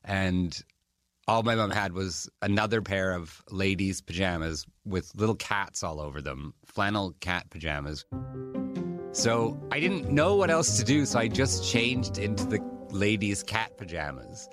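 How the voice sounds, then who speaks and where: A man with a deep, low-pitched voice tells a personal story in a candid, conversational way, often dropping a wry aside. Soft music plays faintly beneath his words. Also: lively intonation, measured pace. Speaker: podcast host telling his mother's story.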